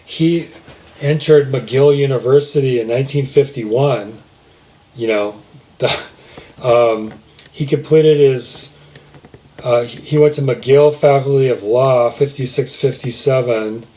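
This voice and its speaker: A man co-hosting a podcast, speaking in a relaxed, measured way while reading out facts. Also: mid-range voice. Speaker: podcast co-host. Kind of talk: casual chat.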